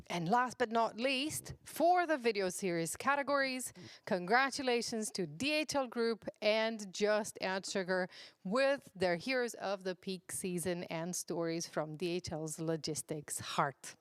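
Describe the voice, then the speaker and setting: A woman's voice: medium pitch, clear, resonant tone, no echo. A woman co-presenting a live awards show in an upbeat, congratulatory and informal way. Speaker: awards co-presenter announcing winners.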